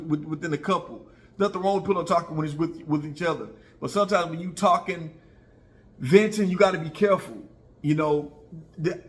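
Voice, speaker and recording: This high-pitched, slightly bright voice belongs to an early-forties American man making online videos. He gives viewers casual opinions in a chatty manner, repeats himself to drive points home and keeps checking in with his audience.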